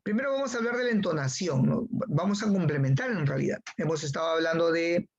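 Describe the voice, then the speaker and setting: A man's voice: a little high, quick pace, breathy edge, muffled recording. A man teaching a class, who repeats key phrases and calls on students by name. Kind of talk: online class lecture.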